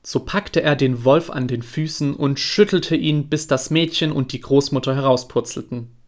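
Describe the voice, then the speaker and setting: A man reading a fairy tale aloud in a calm, even storytelling voice. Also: medium pitch, normal speed.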